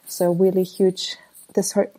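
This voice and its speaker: A German woman in her twenties, a guest photographer, answers interview questions hesitantly and casually, using lots of fillers. Her voice is fairly low, mellow and monotone, with a measured pace.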